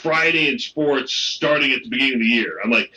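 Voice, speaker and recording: A man's voice: mid-range voice, a little fast, poor audio. A man hosting a morning sports radio show, joking around and reading out listener messages. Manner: joking, animated, reads listener texts. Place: radio studio.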